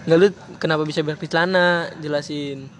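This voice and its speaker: A man's voice: on the high side, steady tone, a little fast, slight background noise. Teasing young man with Jakarta slang. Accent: Jakarta slang Indonesian. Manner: teasing, laughing, swears often. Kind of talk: casual chat.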